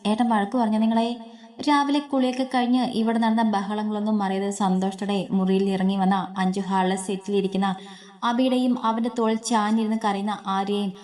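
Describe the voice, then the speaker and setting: A woman narrates a story in a steady, even reading voice. Her pitch sits in an ordinary middle range, and she paces the descriptions evenly. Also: fairly quick. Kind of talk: reading a serialized romance story aloud.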